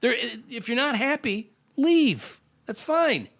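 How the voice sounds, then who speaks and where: A man from the United States hosting a casual comedy podcast, animated and riffing with laughs. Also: very high voice, takes it slowly. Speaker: podcast host.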